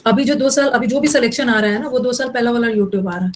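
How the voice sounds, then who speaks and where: A woman's voice: on the high side, quick pace, a little hiss or hum, low-quality recording. A young woman teaching an online English grammar class, mixing explanation with chatty scolding asides to her students.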